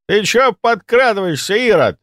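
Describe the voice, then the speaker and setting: A shrill, cowardly old morgue orderly, as a male reader puts him on, caught stealing from the dead. He squeals high and loud, whining and snapping in a jumpy voice. The audiobook sound is dry and close. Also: sing-song, normal speed, dry recording.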